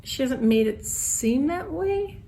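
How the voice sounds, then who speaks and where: A woman co-hosting a casual podcast, her voice gravelly with a touch of fry. She talks wryly and loosely, trailing off into fillers. Her tone is mellow and dark, with a faint hiss of noise behind her. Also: sits high, lively intonation, slow. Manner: chatty, wry, trails off with fillers. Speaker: podcast co-host. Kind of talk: casual chat.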